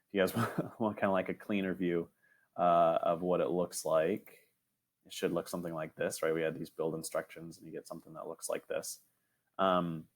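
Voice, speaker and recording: Low-voiced man teaching casually. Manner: casual, filler-heavy, frequent "right?" checks. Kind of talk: online lesson explaining robotics.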